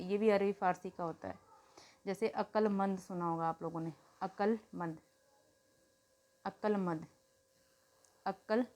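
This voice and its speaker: A woman teaching a grammar lesson to students, repeating key words slowly, asking questions and answering them herself, and telling the children to write things down. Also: fairly low pitch. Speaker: Hindi teacher.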